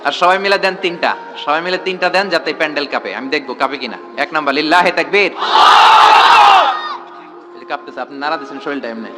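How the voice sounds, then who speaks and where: A man's voice: on the high side, quick pace, long pauses, very noisy. A man preaching a sermon to a large gathering in a tent, throwing rhetorical questions at the crowd and calling for responses.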